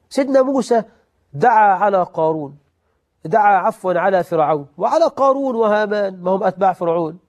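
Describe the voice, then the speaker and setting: Male preacher, Egyptian accent, high-pitched, animated sermon delivery with loud and soft swings. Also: highs cut off. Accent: Egyptian Arabic. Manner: animated, swings between loud emphasis and soft asides, slows for scripture. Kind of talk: sermon on prayer etiquette.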